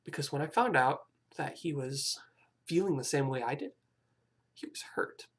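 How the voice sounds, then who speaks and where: Young adult rambling, gravelly and husky. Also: medium pitch, moderate pace. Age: about 20. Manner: hesitant and apologetic, many fillers and restarts. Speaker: vlogger. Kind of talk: rambling personal confession to camera.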